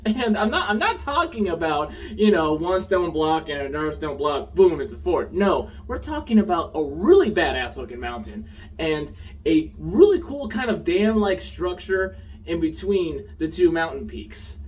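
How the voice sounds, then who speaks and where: A young man giving a casual, sarcastic TV show review, now and then getting loud. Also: a little high, normal speed, far from the mic, rough recording. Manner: animated, sarcastic, gets loud.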